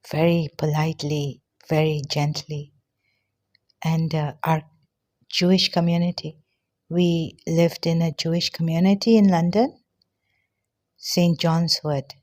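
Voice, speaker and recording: Slow, halting older woman. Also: sits low, a little mellow. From Pakistan. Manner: halting, many fillers and pauses. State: out of breath. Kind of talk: personal testimony monologue.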